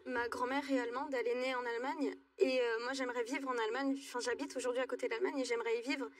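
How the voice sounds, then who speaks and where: A woman in her twenties from Alsace, speaking hesitantly with many pauses and fillers as a talk show guest. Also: fairly high pitch, steady tone, far from the mic. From Alsace, France. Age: 20s. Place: TV studio.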